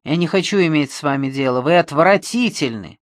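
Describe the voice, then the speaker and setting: A reader voicing a tormented male killer who breaks into hysterical, fervent shouting in an audiobook. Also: medium pitch, expressive, no room sound, clean studio sound, close to an everyday voice. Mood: raving. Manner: slow, halting, fervent. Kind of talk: audiobook reading.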